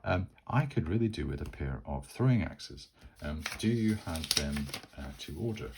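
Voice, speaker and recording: A man's voice: very deep voice, expressive, moderate pace, vocal fry, darkish tone, slight background noise, heavily acted. A man voicing a tattooed young barbarian adventurer who asks for things bluntly. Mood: eager.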